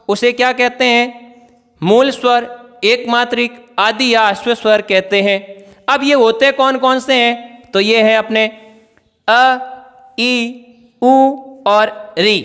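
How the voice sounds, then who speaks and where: A man's voice: extremely high pitch, fairly bright tone, long reverb tail. A male teacher giving an exam-prep grammar lesson, asking questions and answering them himself as he writes on a board. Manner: writes on a board while explaining.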